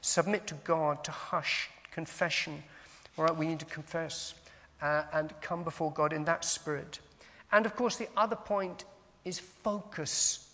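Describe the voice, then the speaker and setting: Man, sermon, chatty and digressive, gravelly texture, sharp tone, reverberant church. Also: fairly high pitch, steady tone, unhurried. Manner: conversational, digressive, reads scripture aloud with emphasis. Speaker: preacher.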